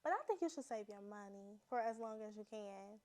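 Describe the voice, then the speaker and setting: A woman's voice: medium pitch, animated, a little fast, a little mellow. A woman in her twenties hosting a podcast, asking friendly, open questions in casual interview chat. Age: 20s. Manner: friendly, asks open questions, agrees often. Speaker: podcast host.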